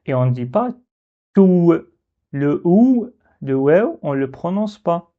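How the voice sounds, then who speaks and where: A man teaching the Arabic alphabet step by step, slowly repeating syllables for learners to copy. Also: a little high, very animated, narrow, tinny audio. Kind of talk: step-by-step letter lesson.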